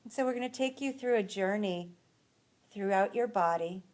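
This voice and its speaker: A female instructor leads a relaxation exercise, unhurried and soothing, with long silences between phrases. Her voice is medium in pitch and a little mellow.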